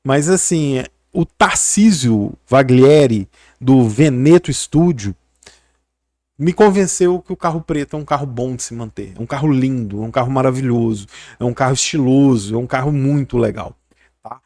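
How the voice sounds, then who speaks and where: A man's voice: medium pitch, lively intonation, moderate pace, mellow, no echo, clean studio sound. A middle-aged man, talking casually and rambling to camera, full of fillers and tag questions. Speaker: physiotherapist YouTuber.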